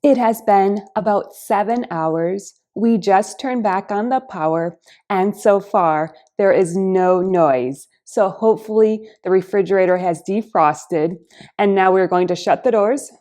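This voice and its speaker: A woman's voice: medium pitch, unhurried, warm tone. A woman vlogger talking casually and earnestly, explaining things step by step. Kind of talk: casual vlog narration.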